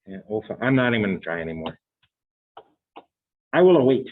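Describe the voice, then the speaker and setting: A man with a lowish voice and big pitch swings teaches chemistry a little fast, heard on a tinny classroom recording that sounds like a phone. He works through problems out loud and questions his students conversationally, thinking as he talks.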